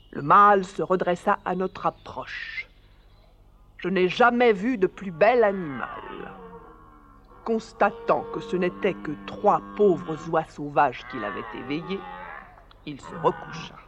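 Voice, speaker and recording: A wise old goose, voiced by a man, recounts a past journey for a radio story reading. She speaks unhurriedly, each phrase measured, in a somewhat raised voice. Her calm leadership shows in the steady delivery. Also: a little high, highs cut off, full character voice. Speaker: storyteller figure.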